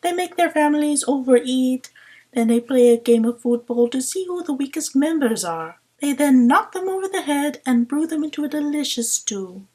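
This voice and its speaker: Sly male trickster put on by a woman, mock-serious, conspiratorial, voice pitched up. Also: animated, normal speed, a little mellow. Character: sly male trickster, lying with a straight face.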